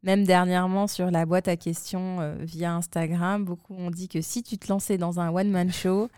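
A woman co-hosting a podcast, explaining things in a measured way with frequent hesitations. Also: on the low side, little pitch movement, mellow, clear, resonant tone, dry recording, studio quality. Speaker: podcast co-host. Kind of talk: casual podcast chat.

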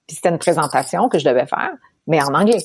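Lively Québécois woman, low dry voice. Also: quick pace, breathy edge. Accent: Québécois French. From Quebec, Canada. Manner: animated, laughs often, frequent restarts. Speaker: interview guest. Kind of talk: candid storytelling in conversation.

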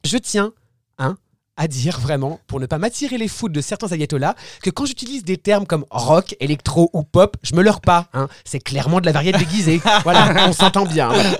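A man's voice: fairly high pitch, animated, normal speed, dry recording, clean studio sound. A man in his thirties presenting a comic column in a theatrical, sarcastic way and often laughing at his own jokes. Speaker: regular columnist. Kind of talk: comic chronicle, half-read.

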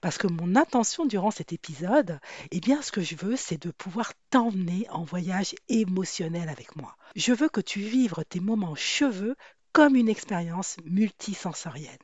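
A woman hosting a solo podcast in a chatty, intimate way, her voice hoarse and croaky from flu. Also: mid-range voice, animated, moderate pace, a little mellow, no echo, lo-fi sound. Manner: intimate, addressing one listener directly. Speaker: podcast host and hair coach.

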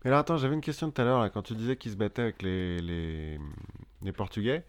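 A man's voice: fairly low pitch, fast. Chatty French man telling history. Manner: chatty, hesitant with many restarts and fillers; joking asides. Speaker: podcast co-host. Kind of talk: casual history chat.

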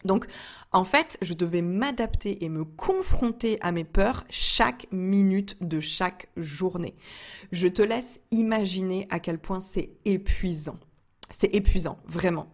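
A woman's voice: medium pitch, a little slow, darkish tone. A young woman speaking candidly in a casual personal vlog, chatty and confiding, often restarting her sentences. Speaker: vlogger.

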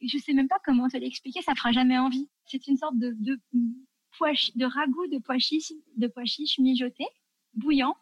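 A woman's voice: sits high, steady tone, normal speed, husky, no room sound, lo-fi sound. Chatty enthusiastic woman, dry close sound. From France. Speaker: guest sharing food tips. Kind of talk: casual chat.

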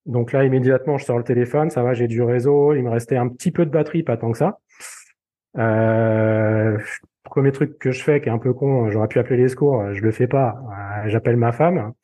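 Halting French man, mellow voice. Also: mid-range voice. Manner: halting, many fillers and repeated words. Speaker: podcast guest. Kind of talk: casual storytelling.

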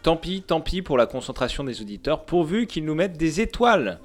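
Brief: male comic co-host, slightly high voice, mock-serious delivery. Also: big pitch swings, a little fast, music in the background. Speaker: podcast co-host. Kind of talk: scripted comic banter.

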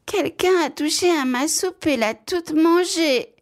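A woman voicing a tiny baby bear with a high, piping voice close to tears, in a storybook reading. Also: slow. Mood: upset.

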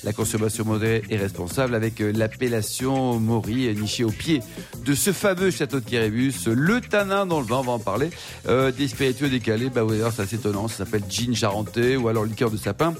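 A man hosting a live radio talk show from a wine bar, quick and joking, cutting in with questions. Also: mid-range voice, faint music behind.

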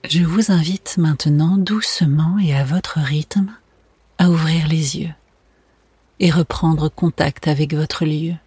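A meditation guide speaking in a soft, soothing, breathy spa whisper, gently narrating a relaxation exercise. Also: mid-range voice, steady tone, slow, no echo. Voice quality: breathy, hushed.

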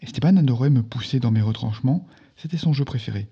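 A man hosting a podcast, reading a novel aloud in a calm, even way. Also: medium pitch, fast, husky, highs cut off. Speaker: podcast host.

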